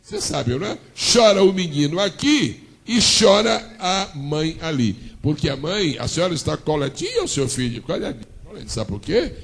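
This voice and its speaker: Brief: Brazilian male pastor, gravelly voice, fairly high-pitched, animated call-and-response sermon. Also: moderate pace. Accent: Brazilian Portuguese. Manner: dramatic storytelling with call-and-response.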